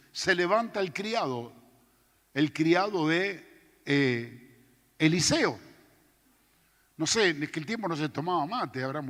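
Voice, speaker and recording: Dramatic preacher in a reverberant church. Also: male voice, fairly high pitch, fairly bright tone. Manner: dramatic, acts out the scripture. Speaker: pastor. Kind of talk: sermon. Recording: long church hall reverb.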